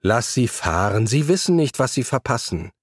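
A man with a husky voice voicing a determined woman cyclist in a read-aloud story. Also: mid-range voice, big pitch swings, normal speed, dry recording, studio quality.

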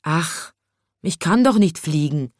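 A woman's voice: mid-range voice, animated, measured pace, darkish tone, no echo, studio quality, pitched above the performer's own voice, close to an everyday voice. A woman voicing a cheerful, childlike little chimney sweep in a storybook, with a lifted, innocent voice. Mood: wistful. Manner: lifted, wide-eyed and innocent.

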